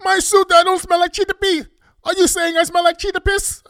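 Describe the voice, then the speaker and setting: A man putting on the voice of a shrill, indignant man who screeches insults and rolls his R's. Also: flat delivery, brisk, fairly bright tone, no room sound, studio quality. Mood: enraged.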